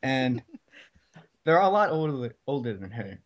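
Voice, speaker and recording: A young man co-hosting a casual podcast, making deadpan jokes, recorded on a dull lo-fi mic. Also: medium pitch, measured pace. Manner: deadpan joker. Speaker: podcast co-host. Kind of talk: casual chat.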